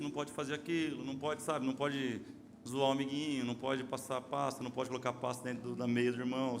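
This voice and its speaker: A man, preaching a lively sermon as pastor and telling stories to the congregation, calling them brother. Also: mid-range voice. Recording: live church sermon with music behind. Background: soft music.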